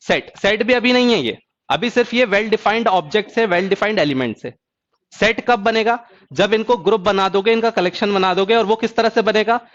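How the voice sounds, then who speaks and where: A man teaching an exam-prep math lecture who keeps asking students if the point is clear and drawls key terms slowly. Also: high-pitched, highs cut off. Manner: asks students check questions.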